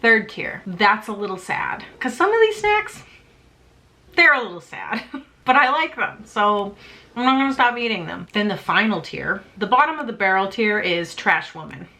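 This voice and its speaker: A young Canadian woman vlogs casually at home about her snacks, her mid-range voice sing-song and sharp at a moderate pace. She's bubbly and self-mocking and laughs often.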